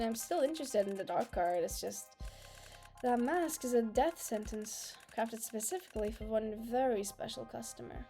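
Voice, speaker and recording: A woman narrates a story game as she plays, reading the dialogue aloud and breaking off into excitable reactions. Her voice sits fairly high but has a warm, mellow tone. Soft game music plays faintly underneath. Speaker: let's play gamer. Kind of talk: casual gameplay commentary, reading dialogue aloud.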